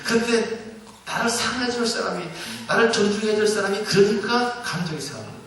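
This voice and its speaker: A man's voice: sits high, animated, brisk. A man in his sixties, a church elder, giving a humorous talk to a congregation, telling stories and asking the audience questions. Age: 60s. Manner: jokey storytelling, asks the audience questions. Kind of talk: humorous sermon-lecture to a congregation. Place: large church sanctuary. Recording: very echoey hall, mic far off, noisy.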